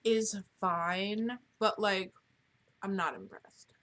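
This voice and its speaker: A young woman co-hosting a relaxed chat, with an ordinary, mid-pitched voice. She keeps things loose with dry jokes and lots of ums. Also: slow. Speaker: co-host. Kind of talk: casual chat.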